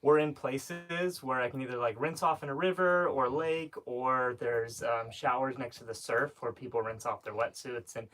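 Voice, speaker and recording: A man's voice: medium pitch, normal speed, hardly any pauses, fairly bright tone, far from the mic, rough recording. A young man in his twenties chatting casually and upbeat as a guest on a live stream. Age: 20s. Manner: chatty, upbeat, laughs easily. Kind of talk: casual chat.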